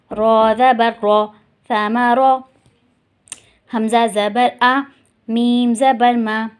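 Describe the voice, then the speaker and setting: A woman teaching Quran reading, patiently spelling out syllables slowly and explaining each letter. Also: on the high side. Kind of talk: slow spelled-out recitation lesson.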